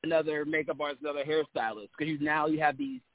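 A man's voice: on the high side, fast talker, no echo. A man hosting a casual interview, talking in a rambling way with many restarts and fillers. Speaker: host. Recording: tinny phone-like line.

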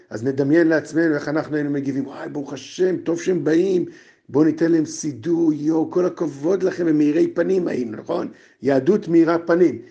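A man's voice: fairly high pitch, warm tone, dull audio. A man teaching a recorded Torah lecture, asking rhetorical questions and often stopping to restart a sentence. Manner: asks many rhetorical questions; halting, with frequent restarts. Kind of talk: recorded lecture on an ethical text.

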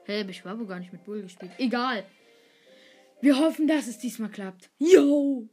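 A woman hosting a gaming channel, chatting casually over gameplay and breaking into loud exclamations. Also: medium pitch, moderate pace, husky, faint music behind. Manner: excitable, frequent loud exclamations.

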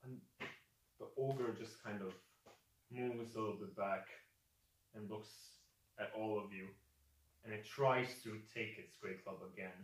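A man's voice: lowish voice, fairly even intonation, measured pace, long pauses. Man narrating a tabletop game loosely. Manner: loose, filler-heavy, hesitant narration. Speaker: game master. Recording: echoey room, distant mic, faint music.

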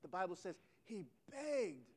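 A man delivering a sermon in a high, very lively voice. He moves from ringing declarations down to hushed near-whispers and builds his points through repeated refrains. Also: a little slow. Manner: repetitive rhetorical cadence. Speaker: preacher.

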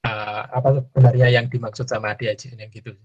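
A man's voice: mid-range voice, level tone, fast talker, soft background music. A man talks in an easygoing way over a remote call. His voice sits in an ordinary middle range and comes through a dull, lo-fi line. The audio keeps breaking up and dropping out. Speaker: co-host discussing manga chapters. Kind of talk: casual chat over a call. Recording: muffled, lo-fi internet call line.

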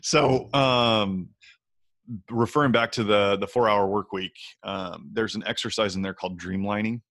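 Deep-voiced guy rambling thru a podcast interview, lots of likes and ums, dry no-room sound. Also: steady tone, normal speed, fairly bright tone, no room sound. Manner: rambling, frequent fillers and restarts. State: hiccups. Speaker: podcast guest. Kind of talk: casual interview chat.

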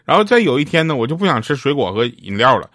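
A man runs through short comic anecdotes in a chatty, easygoing way. His voice sits at an ordinary middle pitch. He often chuckles at his own punchlines. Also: sing-song, quick pace, a bit bright, no room sound, clean studio sound. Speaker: comedic storyteller. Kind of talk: comedic storytelling monologue.

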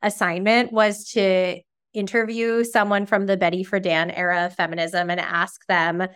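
A woman's voice: medium pitch, flat delivery, normal speed, a bit bright, smooth. A woman hosting a podcast, chatty and curious, asking questions in a casual style with lots of "like"s. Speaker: podcast host.

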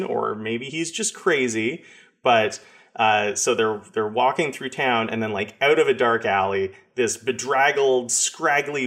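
A man, the game master, casually recapping a tabletop session with lots of fillers. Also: medium pitch. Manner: relaxed, many fillers.

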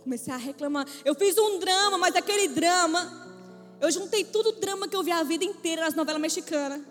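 A young Brazilian woman preacher telling a self-mocking story in an animated, humorous sermon, acting out the dialogue as she goes. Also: very high voice, brisk. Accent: Brazilian Portuguese. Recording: reverberant hall with faint music.

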